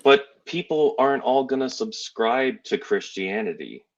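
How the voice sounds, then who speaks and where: A man discussing faith casually in a hesitant, halting way. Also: mid-range voice, very animated, dull audio.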